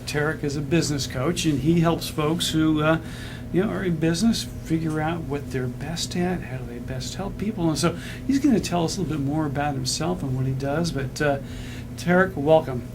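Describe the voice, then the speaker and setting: A man's voice: a little high, a little fast, background noise. A man co-hosting a local TV show, introducing a guest and asking friendly questions. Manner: friendly, laughs along, asks questions. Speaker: co-host. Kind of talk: casual TV interview.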